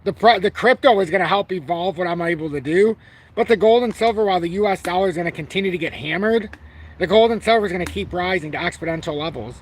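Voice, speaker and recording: High-voiced guy, 40, brash and rambly on a live stream, cusses a lot, keeps correcting himself. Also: fast, breathy edge. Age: 40s. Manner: brash, rambling, swears casually; talks about himself through frequent self-corrections. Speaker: crypto channel host. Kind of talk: casual live-stream commentary.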